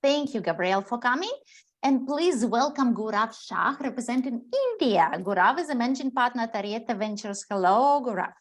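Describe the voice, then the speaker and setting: A woman hosts a startup pitch event over video, introducing each judge with upbeat thanks. Her voice sits a little high. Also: lively intonation, moderate pace. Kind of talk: online event hosting.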